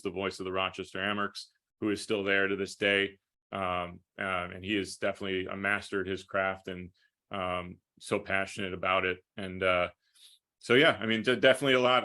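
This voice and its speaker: Low-pitched, pushed and bright, this American man's voice carries long, conversational, carefully detailed interview answers. He is a sports broadcaster from upstate New York who does hockey play-by-play.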